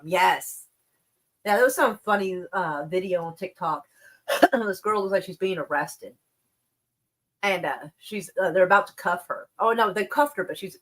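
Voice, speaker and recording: A woman's voice: fairly low pitch, a bit bright. A woman chatting casually on a live stream about the news, rambling and wry, with plenty of swearing. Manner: profane, laid-back, wry.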